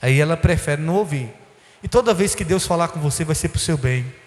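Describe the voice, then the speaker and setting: High-pitched preaching man in echoey hall. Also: animated, a little fast, darkish tone. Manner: preaching with rising emphatic calls and rhetorical questions. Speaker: bishop. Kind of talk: sermon. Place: church hall.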